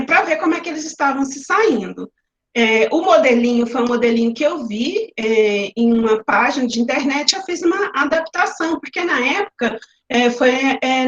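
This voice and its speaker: High-voiced Brazilian teacher in a roomy call. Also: female voice, a bit bright. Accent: Brazilian Portuguese. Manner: explains step by step with examples. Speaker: teacher presenting classroom activities. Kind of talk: online lecture presentation. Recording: roomy, slightly muffled webinar audio.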